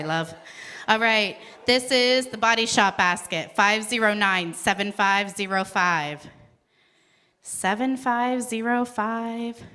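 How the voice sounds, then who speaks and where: Upbeat woman emceeing a raffle, reading numbers slowly and joking between draws. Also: mid-range voice, sharp tone, clear, resonant tone. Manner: playful, chatty asides between reading out ticket numbers. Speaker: raffle caller at a celebration event. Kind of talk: live raffle announcing.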